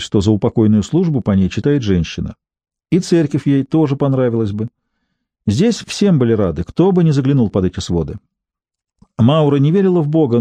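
A man reading a thriller audiobook in scripted narration, measured and even. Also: medium pitch, no room sound.

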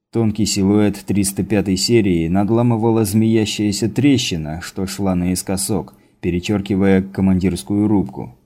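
Low mellow male audiobook narrator. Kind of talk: scripted narration.

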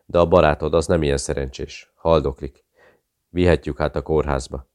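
A man voicing a cold, calculating interrogator who speaks with calm menace. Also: very deep voice. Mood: coaxing.

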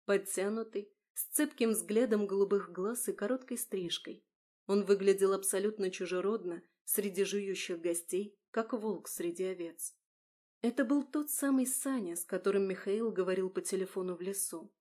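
A woman's voice: mid-range voice, moderate pace, dark tone. Woman narrating a dramatic story. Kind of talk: first-person scripted story narration.

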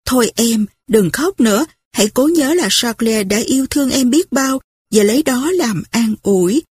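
A woman voicing a gentle, kind young woman who speaks softly and soothingly. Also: on the high side, lively intonation, moderate pace, husky, no room sound, studio quality. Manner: soft, soothing.

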